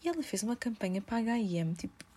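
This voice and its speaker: A woman's voice: medium pitch, sing-song, rapid-fire, dark tone, breathy edge. Chatty young woman with a European Portuguese accent. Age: 20s. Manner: chatty and informal, heavy slang, English words mixed in. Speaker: podcast host. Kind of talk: casual monologue.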